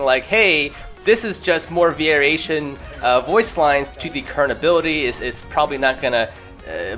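On the high side and fairly bright in tone, this young man's voice carries casual gaming commentary for his videos. Chatty, informal and self-deprecating, he recorded the voice-over separately from the gameplay, with music in the background.

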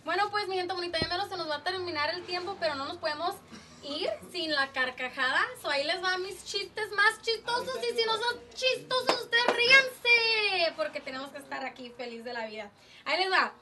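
A woman's voice: very high-pitched, lively intonation, a little fast, recorded from a distance, background noise. A woman hosting a casual live show, chatting in a mix of Spanish and English and laughing at her own jokes. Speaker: show host. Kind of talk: casual live show chat and joke telling.

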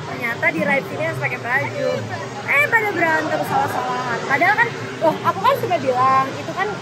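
A woman, chatting casually as a vlogging mother, animated, repeating phrases and mixing in English words. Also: high voice, fairly quick. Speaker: vlogger mother filming a family outing. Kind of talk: casual family vlog chat. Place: busy outdoor theme park. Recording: noisy outdoor crowd, loud background noise.

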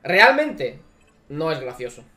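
A man with a Spain Spanish accent and a slightly higher than average voice, reacting to game summons. He rants in loops, swearing and repeating himself. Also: sing-song, slow, bright, forceful tone, soft background music. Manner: ranting, repetitive, swearing. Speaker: gaming streamer. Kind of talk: gacha summon reaction commentary.

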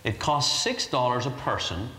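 A man's voice: mid-range voice, sing-song, moderate pace, sharp tone, echoey room, in a large hall. A man from Ireland with an Irish accent, a charity founder earnestly explaining his work in a TV interview before a live audience.

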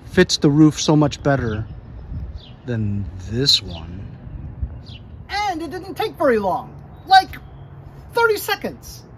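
A chatty middle-aged man with a fairly high voice, talking straight to his viewers in a casual review. He stands outdoors in a driveway, recorded on a nearby phone, with clear street and traffic noise behind him. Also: a bit bright. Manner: chatty, addresses viewers as guys. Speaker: product reviewer. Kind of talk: casual product review vlog.

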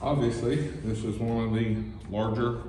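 Inside a large, bare shop building under construction, a middle-aged man casually shows off his tool box, explaining plainly with a few fillers. His mid-range voice has little pitch movement and a moderate pace, and the recording is very noisy. Echoes bounce around the empty shop while loud music plays behind.

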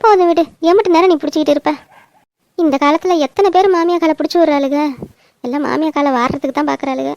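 Brief: scolding old village mother-in-law, a woman does her, very high and quick. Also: fairly even intonation, darkish tone, no echo, dull audio. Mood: grumbling. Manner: scolding, sarcastic. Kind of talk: cartoon voice acting.

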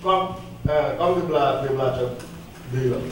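An actor playing a male schoolteacher who is strict but overwhelmed, talking haltingly, repeating words and scolding loudly. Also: medium pitch, lightly acted. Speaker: Dutch teacher at a school. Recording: echoey room with clear background noise.

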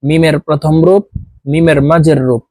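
A man with a Bangladeshi Bengali accent teaching Arabic letters slowly, one by one, with the letter names drawn out and chanted. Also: a little high, steady tone, mellow, no echo. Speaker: Quran teacher. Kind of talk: slow letter-by-letter lesson.

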